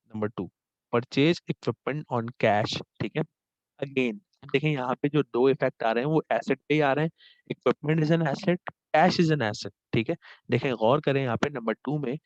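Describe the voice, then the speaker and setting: A man teaching an accounting lecture, explaining step by step, mixing English terms into his talk, often checking "okay?", and reading English question text slowly. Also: mid-range voice, no room sound. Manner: explanatory, mixes English terms into Hindi, keeps asking "ठीक है?". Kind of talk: recorded classroom lecture. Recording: dull, dry voice recording.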